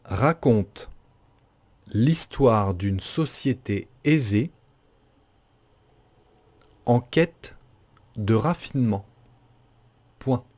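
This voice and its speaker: A mellow-voiced man dictating at an extremely slow pace. He articulates carefully, breaks sentences into short phrases and says the punctuation aloud like a teacher. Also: medium pitch, animated. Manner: deliberate, carefully articulated, repeating each phrase.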